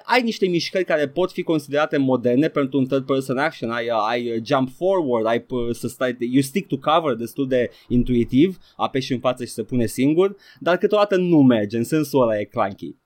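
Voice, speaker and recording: A man co-hosting a podcast, chatting casually about a video game, laughing often and dropping English phrases into his talk. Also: mid-range voice. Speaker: podcast co-host.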